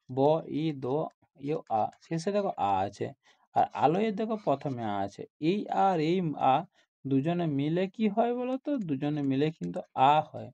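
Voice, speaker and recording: Gravelly-voiced male grammar teacher. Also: a little high, dark tone, lo-fi sound. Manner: explains step by step, asks rhetorical questions. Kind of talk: Bengali grammar lesson.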